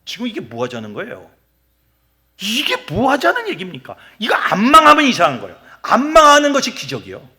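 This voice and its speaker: Animated, bright-voiced Korean pastor preaching. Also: male voice, high voice, brisk. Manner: emphatic, swinging between loud exclamations and quiet asides; acts out quoted voices and asks rhetorical questions. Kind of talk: sermon. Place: church sanctuary.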